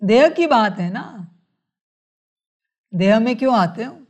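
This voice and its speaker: A woman delivers a spiritual sermon at an unhurried pace, her voice sitting a little high. She addresses her listeners as children and poses rhetorical questions in a measured, patient way. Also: animated. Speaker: spiritual teacher.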